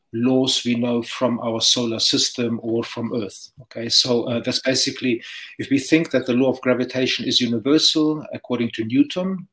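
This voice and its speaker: A middle-aged physics professor from Czechoslovakia, answering interview questions in a measured, hesitant, explanatory way. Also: male voice, medium pitch, fairly bright tone, rough recording.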